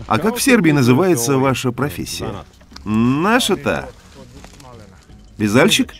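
A man's voice: mid-range voice, wildly swooping pitch, a little slow. A man voicing a documentary interview, asking and answering in a plain conversational way. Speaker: interviewer and voice-over narrator.

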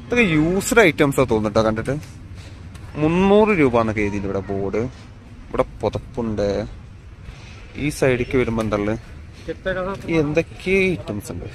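A man's voice: mid-range voice, big pitch swings, a little fast, long pauses. A man walks a busy outdoor street, chatting casually to his viewers as he films on a phone with no external mic. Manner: chatty, addresses viewers as guys. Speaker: vlogger. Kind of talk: casual walking vlog. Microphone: phone camera, no external mic. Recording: phone recording with loud street noise. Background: street traffic and passers-by.

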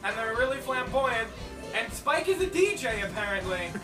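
A woman's voice: on the high side, very animated, moderate pace, far from the mic. Giggly young woman doing commentary. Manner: giggly, exclaiming, exasperated. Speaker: commentary host. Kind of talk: casual live commentary. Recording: music playing behind.

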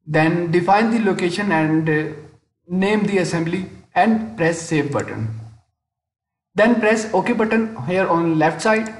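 A high-voiced man talks through a software tutorial one step at a time, working as a tutorial instructor over a screen recording in an indoor room. His delivery is very slow and hesitant, with pauses that break up his sentences. The voice-over sounds roomy, and an echo can be heard around him.

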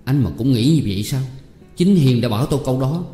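A man's voice: mid-range voice, animated, fast, dark tone, faint music behind, voice pushed up, natural voice. A man voicing a young man who pleads in emotional outbursts, read as an audiobook character. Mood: pleading. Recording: echoey room with long reverb.

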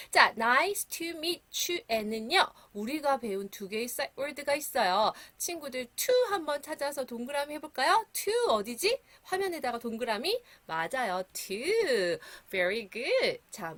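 A woman's voice: a little high, a bit bright, no room sound. A middle-aged woman teaching English to children, cheerful and coaxing, having them repeat words after her.

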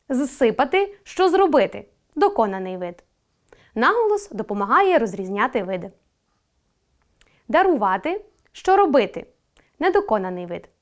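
A woman teacher giving a scripted online grammar lesson, reading word pairs slowly and clearly with rising question tones. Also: on the high side.

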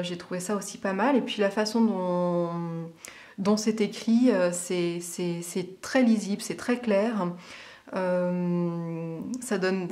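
A woman's voice: medium pitch, a little mellow. A woman who reads tarot, giving a casual on-camera product review, chatty and hesitant with many filler sounds. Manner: reads passages aloud from a booklet. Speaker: tarot reader and teacher.

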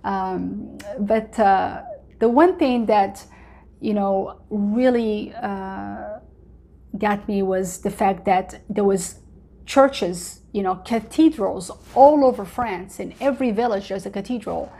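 A woman in her forties, Moroccan-born with Arabic as her first language, talks earnestly into a camera at home. She speaks in a chatty, personal testimony style, full of little fillers and restarts. Her voice sits at an ordinary middle pitch. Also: takes it slowly, creaky, mellow. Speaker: host. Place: home living room.

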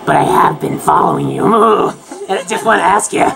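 A woman's voice: on the low side, gravelly, music in the background, poor audio. A woman putting on a creepy old mask seller. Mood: mock-solemn. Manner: slow, grand, giggly mock-solemn delivery. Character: smooth, creepy older male mask seller.

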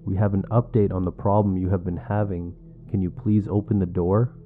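A man's voice: sits low, little pitch movement, a little fast, phone-quality sound, faint music behind, close to an everyday voice. A man reading a curt, insistent policeman. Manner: clipped and commanding.

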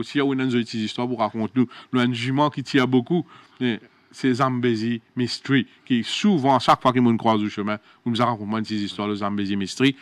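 A man's voice: mid-range voice, no room sound. A man hosting a horse racing talk show, searching for words with many restarts.

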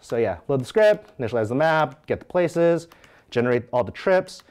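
A man's voice: mid-range voice, sing-song, moderate pace, darkish tone. Man giving a casual live coding talk. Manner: conversational, frequent "right?" checks and restarts. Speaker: conference speaker. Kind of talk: live technical talk walking through code. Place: meetup room with audience.

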